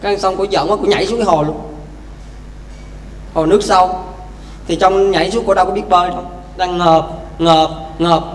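A man, a Buddhist monk, giving a lively dharma talk with stories, speaking directly to the congregation. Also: high voice, moderate pace, pauses often. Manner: lively, addresses audience directly. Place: temple hall. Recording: echoey temple hall, faint hum.

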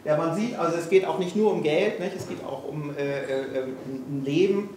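A middle-aged man from Hamburg, Germany, takes the stage at a failure-stories evening in a small event room, speaking to the audience frankly, self-mockingly, and with many hesitations. His fairly high voice is a little mellow and moves at normal speed. The room PA recording, made from a distance, is echoey with faint noise.

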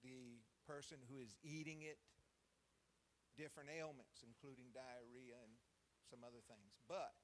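A man's voice: on the high side, slight background noise. A middle-aged man preaching a sermon in a church, folksy and emphatic, asking his congregation questions.

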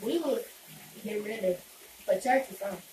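In a home mukbang vlog, a young woman eats while chatting casually and playfully, her mid-range voice expressive and fairly quick. The phone camera sits a few meters away in a small indoor room, making the sound distant, echoey, and noisy.

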